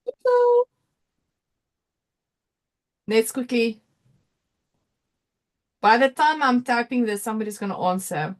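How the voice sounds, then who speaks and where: South African woman, higher register, informal and talkative livestream host who thinks aloud. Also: normal speed, long pauses. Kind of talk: casual live chat, reading out viewer comments.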